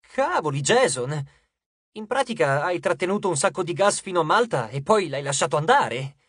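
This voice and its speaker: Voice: medium pitch, big pitch swings, normal speed, husky, dry recording, studio quality. Narrator doing a brash, joking teenage boy. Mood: scherzoso. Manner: loud, brash, forced cheer.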